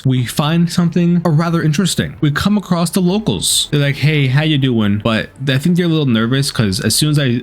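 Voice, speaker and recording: Young male gaming narrator, dry sarcastic asides, mid pitch. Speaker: gaming YouTuber. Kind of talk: casual gameplay commentary.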